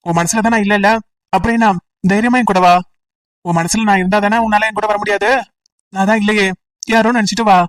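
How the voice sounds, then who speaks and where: A woman's voice: mid-range voice, fairly even intonation, quick pace, pauses often, distant mic, close to an everyday voice, low-quality recording. A woman voicing a teasing, persistent young male college student in an amateur audio drama, talking in a playful, coaxing way.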